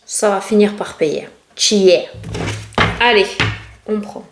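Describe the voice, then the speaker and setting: A woman's voice: medium pitch, takes it slowly, loud music behind the voice. A woman doing a casual, rambling tarot reading who laughs often and speaks with a regional French accent. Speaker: tarot card reader. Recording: echoey room.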